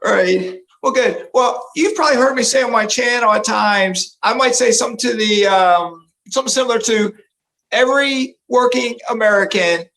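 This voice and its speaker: Gravelly high-voiced man hosting. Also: moderate pace, pushed and bright, low-quality recording. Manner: affable, checks facts back with the guest. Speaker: interview host. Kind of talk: casual interview.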